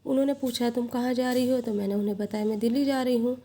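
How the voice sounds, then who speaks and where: A woman tells a confessional story in the first person, her fairly high voice soft and mellow. She keeps a somber, steady recounting manner throughout. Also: fast.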